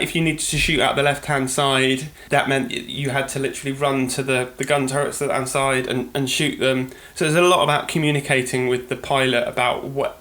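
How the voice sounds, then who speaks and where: A man's voice: medium pitch, fairly bright tone. Rambling British man co-hosting a podcast. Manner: rambling, self-correcting, chatty. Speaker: podcast co-host. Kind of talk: casual podcast monologue.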